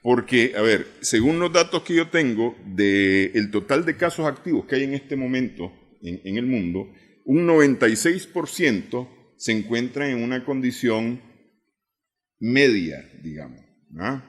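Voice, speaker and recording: A man with a Nicaraguan accent, an analyst on a talk show, speaking in a measured way and often repeating words as he works through figures. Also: mid-range voice, lively intonation. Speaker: political analyst guest.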